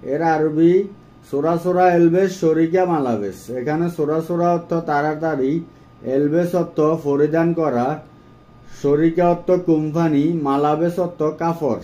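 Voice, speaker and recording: A man giving a phrase-by-phrase language lesson, saying each phrase and then repeating it slowly and carefully. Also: a little high, fairly even intonation, mellow. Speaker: language teacher.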